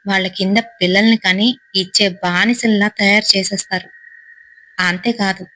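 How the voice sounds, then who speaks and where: A woman's voice: medium pitch, moderate pace, low-quality recording. Woman telling a horror story. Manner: steady suspenseful storytelling, short phrases.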